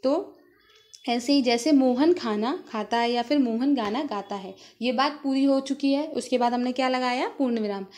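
High-voiced woman teaching grammar. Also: darkish tone. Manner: explains slowly, asks students questions and answers them herself. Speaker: school teacher. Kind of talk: grammar lesson for students.

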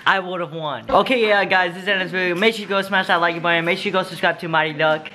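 Playful high-voiced young man. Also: steady tone, fast, pushed and bright. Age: young adult. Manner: joking, playful, self-promoting. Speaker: vlogger host. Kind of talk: casual cooking vlog chat. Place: home kitchen indoors.

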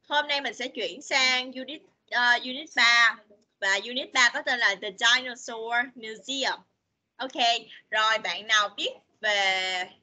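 A woman, an English teacher on a video call, patiently coaxing children and modeling words slowly for them to repeat. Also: fairly high pitch, bright, forceful tone. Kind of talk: online English lesson for children.

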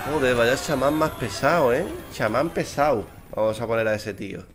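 A man's voice: medium pitch, normal speed, soft background music. A tired young man from Spain with a Spanish accent, casually commenting on his card game, chatty, swearing and teasing his opponent. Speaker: streamer. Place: small room indoors.

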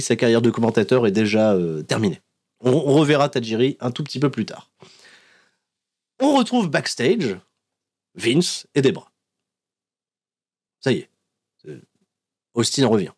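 A male podcast host tells the story in lively, casual chat, with frequent "euh" fillers. He chuckles often as he goes and jumps into acted voices. His pitch sits in a middle range. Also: husky. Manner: animated storytelling, laughs often, many fillers. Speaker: podcast host recapping wrestling episodes.

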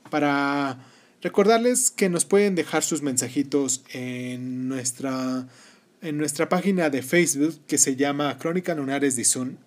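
A man hosting a history podcast, moving between read narration and casual asides in Spanish. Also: medium pitch. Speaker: podcast host.

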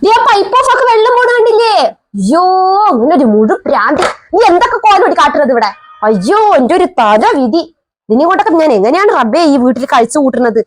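A woman's voice: very animated, quick pace, faint music behind. A woman acting a bossy middle-aged mother-in-law in a family skit, nagging and scolding. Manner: nagging, shrill, scolds and insults.

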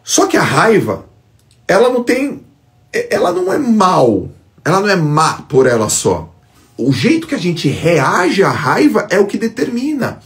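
A man's voice: high voice, wildly swooping pitch, a little slow. A man giving an emphatic motivational talk to followers on a phone live stream, acting out quoted thoughts.

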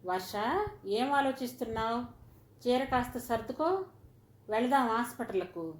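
A woman voicing a gently insistent young husband. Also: on the high side, expressive, a little slow. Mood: coaxing. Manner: coaxing, insistent. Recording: roomy echoey recording.

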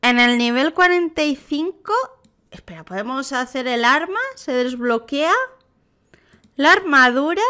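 A woman with a Spain Spanish accent, a gaming youtuber giving casual, excitable reaction commentary. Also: sits high, measured pace, clear, resonant tone. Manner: excitable, gushing exclamations.

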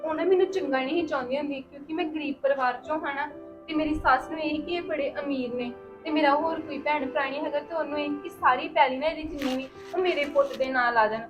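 A woman's voice: high-pitched, fast, over music, lightly acted. A young woman playing a wife beaten by her in-laws, crying and pleading in a village family drama. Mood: tearful. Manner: pleading and tearful.

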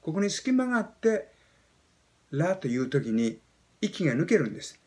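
A Japanese man in his seventies teaching pronunciation, explaining step by step and demonstrating sounds with animated emphasis. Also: fairly high pitch, moderate pace. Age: 70s. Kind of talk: explaining lesson.

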